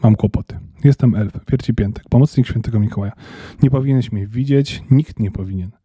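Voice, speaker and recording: A man voicing a small cheeky male Christmas elf in a storybook reading, brisk and chummy. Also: medium pitch, mellow, husky, no echo, natural voice. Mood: grumbling.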